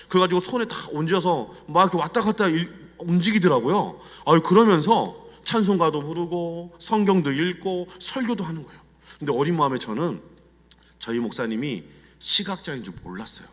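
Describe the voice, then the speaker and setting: A middle-aged guest pastor from Chungcheong, Korea, delivers a storytelling sermon in a Chungcheong Korean accent. His slightly high voice is animated and confiding, and the recording carries the long reverb of a church sanctuary hall.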